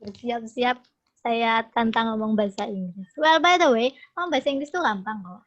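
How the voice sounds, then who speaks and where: Teaching an online English class over a video call, a woman chats warmly and encourages her students, laughing often as she mixes English with Indonesian. Her voice is on the high side and a bit bright at a moderate pace, though the lo-fi call audio sounds dull.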